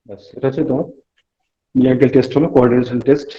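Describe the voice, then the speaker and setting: Man, medical lecturer, bedside teaching, rapid delivery, dull lo-fi sound. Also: medium pitch, steady tone. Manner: instructive, addresses students and coaches a patient. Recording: dull lo-fi recording.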